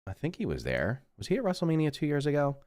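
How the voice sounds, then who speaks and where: Talking quickly with huge swings in pitch, a middle-aged man streams a game in a somewhat high, slightly mellow voice. Congested and chatty, he rambles, self-corrects mid-sentence, and mutters while busy. There's no echo, and the sound is studio quality.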